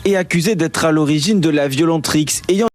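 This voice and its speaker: A male TV reporter reading a scripted news voice-over in a measured, drawling way. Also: fairly high pitch, faint music behind.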